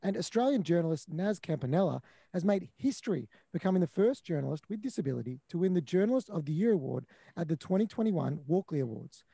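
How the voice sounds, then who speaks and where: A male text-to-speech robot voice from a screen reader, reading a news bulletin in even, mechanical computer diction. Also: a little high, fast, creaky, few pauses, slightly rough, dry recording. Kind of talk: synthetic news bulletin read-out.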